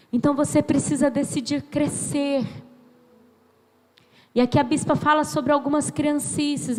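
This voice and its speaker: A woman in her thirties from Brazil preaching a sermon as a pastor, slow and emphatic, acting out dialogue as she tells stories. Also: high voice. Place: church sanctuary. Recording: long church hall reverb.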